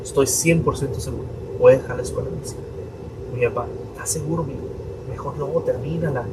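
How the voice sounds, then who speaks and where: A man's voice: medium pitch, quick pace. A young adult priest tells a personal story on a podcast, acting out his parents' voices as he goes. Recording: distant mic with steady room noise.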